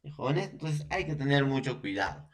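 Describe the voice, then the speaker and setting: A man's voice: mid-range voice, very animated, fairly quick. A man with a Peruvian Spanish accent giving a recorded language lesson. He addresses young students directly, repeats points, and checks their understanding often. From Peru. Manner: repetitive, often checks in with "¿no?" and "entonces". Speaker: language teacher.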